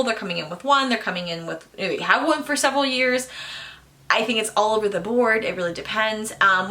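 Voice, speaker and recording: A woman's voice: medium pitch, sharp tone. A woman, casually answering viewer questions in a chatty way, full of "um" and "like". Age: 20s. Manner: chatty, lots of fillers like "um" and "like". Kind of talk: casual Q&A talk to camera.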